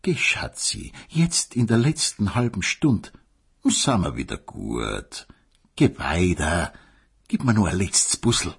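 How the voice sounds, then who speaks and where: A man's voice: sits low, wildly swooping pitch, slow pace, gravelly, slightly rough, heavily acted. A man doing a fat, coaxing blood sausage husband. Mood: pleading. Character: fat, simple, doting male blood sausage.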